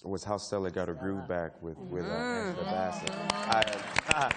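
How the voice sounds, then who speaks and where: A man on a panel telling a casual story to an audience. He talks haltingly, with many fillers and restarts, and laughs often. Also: sits low, very animated, a loud crowd, heavy background noise. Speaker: actor on a panel. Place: stage before a live audience.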